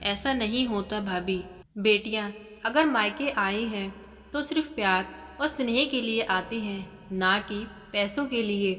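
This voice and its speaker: A woman's voice: medium pitch, a little slow, pushed and bright, in a large hall. A woman voicing a hurt, earnest young married daughter who speaks in a reproachful, sincere way, in a storybook reading.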